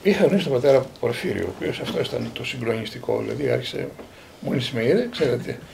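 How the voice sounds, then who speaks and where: A Greek man in his sixties, a priest and theologian, shares personal memories like a lively storyteller, quoting others and often repeating words. His mid-range voice is gravelly, with slight background noise.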